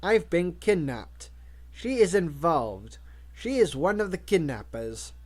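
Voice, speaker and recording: A man voicing a haughty, indignant male talking parrot with a British-sounding voice, slow and pompous. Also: a little high, sing-song, darkish tone, full character voice. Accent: British-sounding, as voiced in the story.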